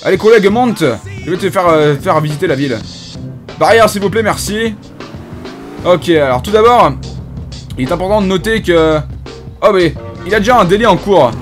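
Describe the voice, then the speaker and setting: A man's voice: high voice, normal speed, long pauses, soft background music, natural voice. A man voicing a pompous, bumbling police inspector in mock-solemn game commentary, with a French accent and hesitant fillers. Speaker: gaming YouTuber. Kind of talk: comedic in-character game commentary.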